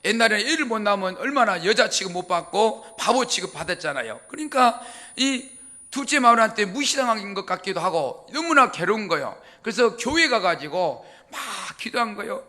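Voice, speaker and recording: A man's voice: high-pitched, very animated, fairly quick, bright, forceful tone. A male pastor, preaching in a folksy, joking storytelling way. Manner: folksy, joking, laughs at own jokes. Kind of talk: humorous storytelling sermon.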